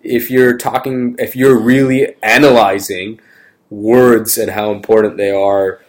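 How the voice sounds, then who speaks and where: Man from canada, low voice, casual podcast chat, playful and joking. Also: a little slow. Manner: joking, playful, animated when making a point.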